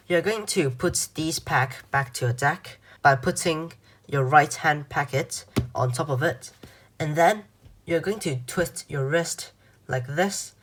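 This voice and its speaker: A woman giving informal card magician patter, talking viewers through a trick step by step in an instructional way, addressing them directly. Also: deep voice. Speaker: card magic tutorial presenter.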